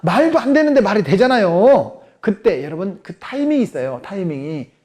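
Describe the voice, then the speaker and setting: A man's voice: sits high, sing-song, normal speed, a little mellow. A man in his forties, a guest pastor preaching at a church seminar, who tells stories, acts out dialogues and has the congregation repeat phrases. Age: 40s. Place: church sanctuary.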